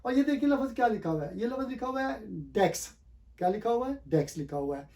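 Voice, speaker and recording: Guy teaching pronunciation, warm mellow voice, asks himself questions then answers, spells words out slow. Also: very high voice, expressive, vocal fry, distant mic. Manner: hesitant, many fillers and restarts. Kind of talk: pronunciation lesson.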